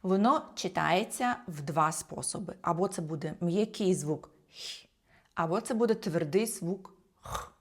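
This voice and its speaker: Woman, language teacher, lowish voice, unhurried, careful, repeats example words. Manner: slow, careful, repeats each word. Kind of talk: pronunciation lesson.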